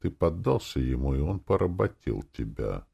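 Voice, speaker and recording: A man voicing a frightened old woman fortune teller who talks quietly, slowly and pleadingly. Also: extremely low pitch, very animated, gravelly, breathy edge, muffled recording, pitched below the performer's own voice, heavily acted. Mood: fearful pleading. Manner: trembling, pleading, quiet and slow.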